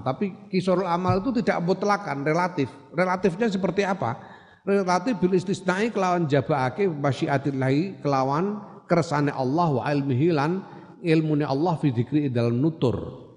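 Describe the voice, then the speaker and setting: A man's voice: on the high side, normal speed, a little mellow. Man teaching in a reverberant hall. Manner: reads Arabic text, glosses it in Javanese, then explains in Indonesian; checks in with listeners with short questions. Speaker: religious teacher. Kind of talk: classical text study lesson.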